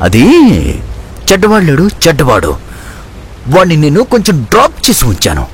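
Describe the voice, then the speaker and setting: A man's voice: on the high side, huge pitch swings, a little fast, slight background noise. A man voicing a heartbroken old grandfather in a dubbed film, giving dramatic, preachy speeches. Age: older. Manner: dramatic, preachy speeches with sing-song swings. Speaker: film character in a dubbed movie. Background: loud film music.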